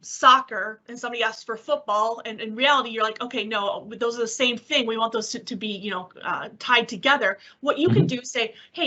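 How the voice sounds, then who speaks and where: Over an online meeting, a female technical specialist presents a software webinar demo and fields questions. Her pitch is fairly high, she explains through examples and rhetorical questions in a chatty way, and the lo-fi call audio is dull.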